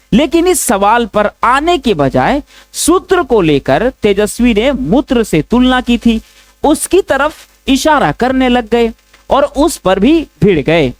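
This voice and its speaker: A man delivering scripted news commentary, steadily posing pointed rhetorical questions. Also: very high-pitched.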